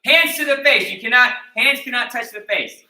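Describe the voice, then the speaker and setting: Teaching a taekwondo class, an American man speaks at normal speed in a very high, bright, forceful voice with lively intonation. He explains each point and checks in with "okay?" afterward. The recording, made from a distance in an echoey room, carries a slight hiss or hum.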